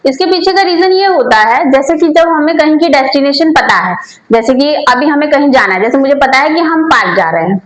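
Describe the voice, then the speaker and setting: A woman teaching a spoken English lesson, her voice sitting high. She speaks English with an Indian accent, chatting through her explanations and stretching out each example sentence slowly. The room around her is echoey. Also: animated. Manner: slow, drawn-out model sentences between chatty explanations. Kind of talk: classroom lesson in Hindi.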